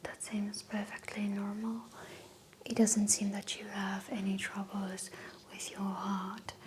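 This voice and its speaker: A woman whispering gently as a doctor in a medical ASMR roleplay, giving soft step-by-step instructions. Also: mid-range voice, monotone, takes it slowly, a little hiss or hum.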